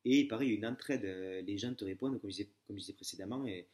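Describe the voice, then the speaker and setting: Young man, casual vlog chat, lots of hesitations and restarts, a bit low-pitched. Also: quick pace, a little mellow. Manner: hesitant, many fillers and restarts; chatty, familiar storytelling. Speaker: exam candidate sharing his method.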